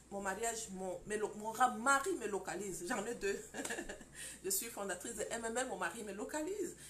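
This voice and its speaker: A woman teaching a preaching-style lesson, emphatic and animated, acting out scenes. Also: on the high side, a little hiss or hum. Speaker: founder of a marriage school for women.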